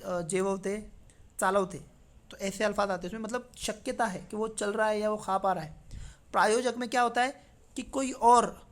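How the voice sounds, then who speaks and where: In an exam paper walkthrough, a chatty man teaches with a voice that sits high. He speaks Marathi as his first language and stays conversational, regularly asking tag questions to check in.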